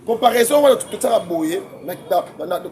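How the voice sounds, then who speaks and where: A man, debating music as a guest commentator, excitable and quick to laugh, often repeating his words. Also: high-pitched, a little hiss or hum. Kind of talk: heated casual debate.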